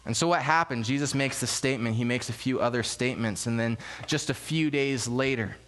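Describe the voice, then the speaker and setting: A man preaching a sermon, leading a quiet prayer and then telling the story with energy, acting out the crowd's voices. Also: a little fast. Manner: hushed low prayer. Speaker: pastor.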